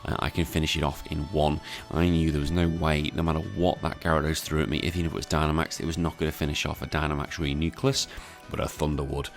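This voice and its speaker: A young British man giving casual game battle commentary, keeping his voice down and subdued at night. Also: a bass voice. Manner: subdued, hushed voice kept down at night. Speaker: gaming content creator. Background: clear background music.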